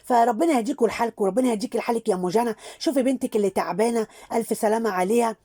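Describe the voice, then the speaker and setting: Egyptian woman commentator, high, quick and husky voice, scolding and sarcastic. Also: dark tone. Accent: Egyptian Arabic. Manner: scolding, mocking and preachy. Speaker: social media commentator. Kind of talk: satirical commentary on social media figures.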